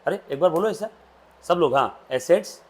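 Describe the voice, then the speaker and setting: A man's voice: a little high, animated, normal speed, darkish tone. A man, teaching accountancy to a classroom and drilling students with questions. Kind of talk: classroom lecture.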